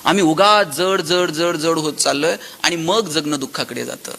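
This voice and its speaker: A man gives a motivational lecture in a high, bright voice. He tells stories animatedly, voicing the people in them and swinging between loud exclamations and hushed asides. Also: moderate pace, vocal fry. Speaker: motivational speaker. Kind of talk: public lecture with storytelling.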